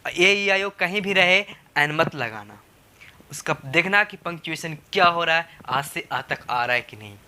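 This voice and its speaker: Bright, coaxing male teacher. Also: on the high side, lively intonation, moderate pace. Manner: repetitive, coaxing, asks rhetorical questions. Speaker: spoken English teacher. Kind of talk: classroom lesson explaining grammar.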